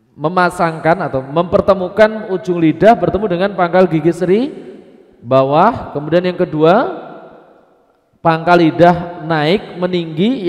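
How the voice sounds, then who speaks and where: Man teaching recitation in mosque. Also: fairly high pitch. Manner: drawn-out chanted recitation examples between quick explanations. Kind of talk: mosque study class lesson. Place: mosque hall. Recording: reverberant mosque hall.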